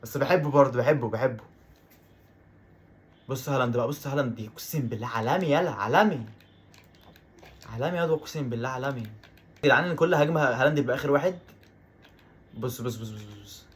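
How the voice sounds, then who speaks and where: Excitable fast-talking Egyptian man gaming. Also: mid-range voice. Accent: Egyptian Arabic. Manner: excitable, repeats exclamations over and over. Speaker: gaming YouTuber. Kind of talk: let's-play commentary.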